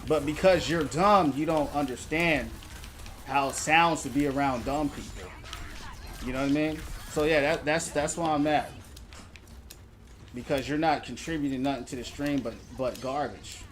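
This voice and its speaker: A man's voice: fairly high pitch, normal speed, a bit bright, a little hiss or hum. Heated man ranting on a stream. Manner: heated, repetitive, mocking. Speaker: game streamer. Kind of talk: ranting live stream commentary.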